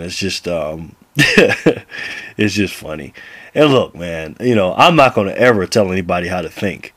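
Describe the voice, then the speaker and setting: A man in his late thirties talks casually to camera about basketball, rambling, restarting sentences and laughing often. His voice sits low. The sound is dry and close, with no room echo. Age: 30s. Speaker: basketball vlogger.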